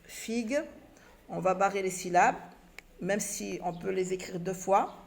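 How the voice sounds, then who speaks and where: Woman teacher going slow for little kids, bit of vocal fry, spells out every syllable. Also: mid-range voice. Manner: patient, sounds out syllables and letters one by one; asks and answers her own questions. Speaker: primary school teacher. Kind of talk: children's reading lesson.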